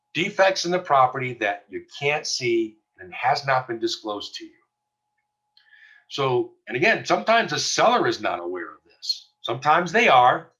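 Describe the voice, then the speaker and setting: A man's voice: medium pitch, bright, forceful tone. A man teaching a real estate class in a conversational way, with fillers and restarts. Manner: conversational, acts out little dialogues with fillers and restarts. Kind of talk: recorded class lecture.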